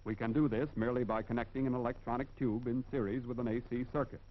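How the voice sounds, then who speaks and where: Heard on a dull, band-limited vintage film soundtrack, an American man narrates a scripted 1940s industrial film fast, in a medium-pitched voice with fairly even intonation. His manner is formal, instructive and emphatic.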